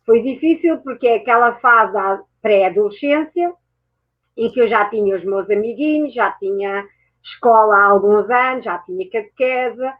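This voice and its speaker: Her pitch leans high and her pace is moderate. She's a guest mentor who grew up in France, musing over her own story in a chat and correcting herself frequently, captured in tinny audio reminiscent of a phone.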